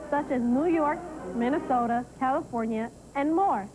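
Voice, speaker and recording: A woman with a high-pitched voice reads scripted narration for a television feature at normal speed. The recording is low quality, with loud music playing under her narration.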